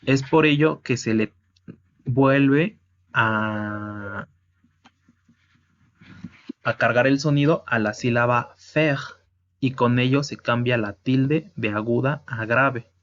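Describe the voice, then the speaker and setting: Slow-talking man teaching French grammar. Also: mid-range voice, a bit bright. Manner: slow, explanatory, with restarts. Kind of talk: slide-based language lesson. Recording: dull lo-fi audio.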